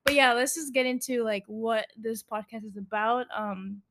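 A woman's voice: a little high, normal speed, vocal fry, a bit bright. Chatty young woman podcast host. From Central America. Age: 20s. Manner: chatty, reading from a script with many ums and laughs. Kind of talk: casual podcast chat.

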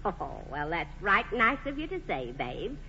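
In a 1940s radio play, an actress plays a plain-spoken, folksy small-town woman, chatty and homespun, full of homely turns of phrase. Her medium-pitched voice is sharp, very animated, unhurried and heavily acted. The old broadcast sounds muffled and hissy.

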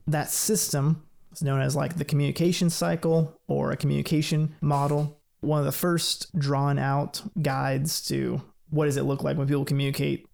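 Gravelly man explaining ideas casually. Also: a little high. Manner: relaxed, thinks aloud, laughs lightly.

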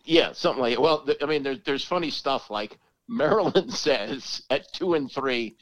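A middle-aged man with a medium-pitched voice talks sports casually. His delivery is emphatic and halting, doubling back on words to press his opinion. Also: lively intonation, dry recording. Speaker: sports talk commentator.

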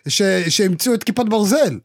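A young man co-hosting a podcast, telling animated stories in casual slang. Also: sits high. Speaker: podcast co-host. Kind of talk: casual chat.

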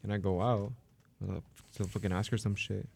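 A man's voice: on the low side, fairly even intonation, moderate pace, gravelly, darkish tone, slightly rough, no echo. A young man co-hosting a podcast, telling stories casually in slangy, sweary bro talk. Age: young adult. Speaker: podcast co-host. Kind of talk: casual storytelling among friends.

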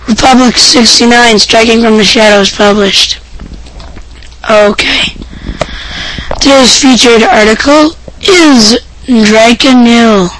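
A woman with a fairly high, scratchy, hoarse voice hosts a casual podcast. She takes her time, rambling offhandedly and interrupting herself between items she reads out. The homemade recording has audible noise. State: hoarse voice, clearing throat. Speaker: podcast host. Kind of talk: casual amateur podcast talk, part reading news items.

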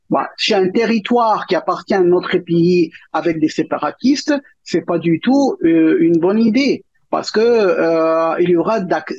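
A man's voice: high-pitched, darkish tone, slightly rough, no echo, muffled recording. A man as a guest analyst on a debate panel, talking hesitantly with many restarts but firm views.

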